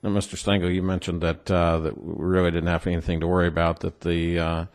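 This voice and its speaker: A man with a low voice and a West Texas twang questions witnesses as a congressman. His delivery is halting and folksy, with plain words and a skeptical edge. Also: level tone. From New Mexico or West Texas, United States. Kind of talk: formal but folksy hearing questioning.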